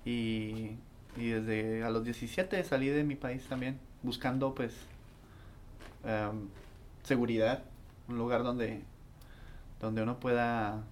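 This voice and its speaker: Halting man in conversation. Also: medium pitch, fairly even intonation, a little hiss or hum. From Colombia. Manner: halting, searching for words. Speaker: band member. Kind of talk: casual conversation.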